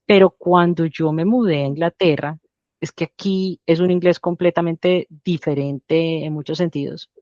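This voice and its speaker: Lively Colombian woman telling a story. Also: sits low, normal speed, no room sound, lo-fi sound. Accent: Colombian Spanish. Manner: lively storytelling with frequent restarts. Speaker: guest, general practitioner. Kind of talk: casual interview chat.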